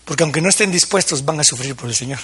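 A man's voice: on the high side, quick pace, sharp tone. A man preaching a sermon as pastor, addressing the congregation with questions and acting out quoted dialogue.

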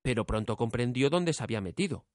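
Male storyteller reading a fairy tale, lively pitch, dry close sound. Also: fast talker, no room sound. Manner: expressive.

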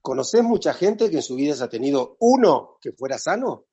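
A man from Argentina with an Argentine accent, a guest author chatting in a lively, conversational way. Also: on the high side, brisk, breathy edge, highs cut off. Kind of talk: casual chat.

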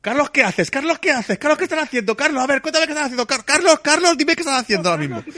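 A man voicing a frantic man who keeps nagging someone over the phone in a shrill, insistent voice. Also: very animated, very fast, pushed and bright, exaggerated voice.

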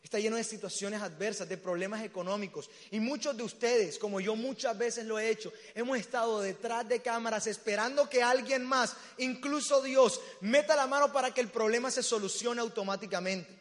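A young man, preaching and telling a story with acted-out voices and sudden shouts. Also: high-pitched, fairly quick, hardly any pauses. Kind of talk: storytelling sermon. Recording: reverberant hall.

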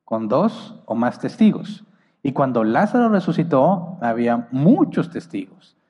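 A man's voice: medium pitch, sing-song, a little slow, in a large hall, muffled recording. A man preaching a Bible teaching sermon who explains passages, reads commentaries aloud and asks his listeners rhetorical questions.

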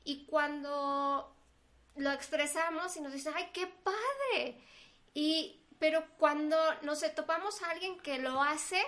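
A woman's voice: high-pitched, unhurried. A woman co-hosting a podcast in casual chat, talking conversationally and acting out what people say. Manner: conversational, quotes people in lively asides. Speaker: podcast co-host.

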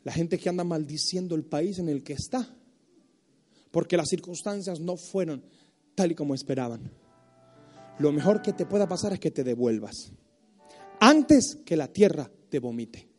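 A man preaching a sermon as pastor of a church, passionate, mimicking complainers and building to shouts. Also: on the high side, expressive, moderate pace, pauses often, faint music behind. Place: church service.

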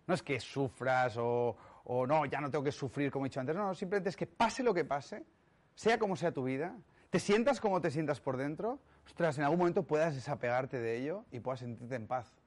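A man's voice: a little high, expressive, brisk. A man from giving a motivational talk, emphatic and rhetorical, often checking in with the audience. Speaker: speaker on personal growth.

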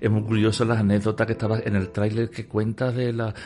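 A man's voice: lowish voice, little pitch movement, fast talker, a little mellow, faint music behind. A man interviewing a guest, prompting with short agreeing sounds. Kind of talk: casual interview chat.

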